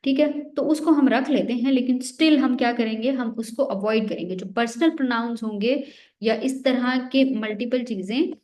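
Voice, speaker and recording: A woman's voice: a little high, moderate pace, darkish tone. A young woman lecturing on essay writing for an exam-prep course. She explains step by step and often asks a question and then answers it herself. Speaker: teacher.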